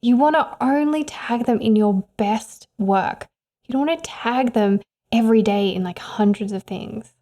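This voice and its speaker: A woman with a slightly higher voice talks straight to camera in an advice vlog. She speaks as a freelance photographer, candid and encouraging, with the easy flow of casual conversation. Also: mellow. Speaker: freelance photographer giving career tips.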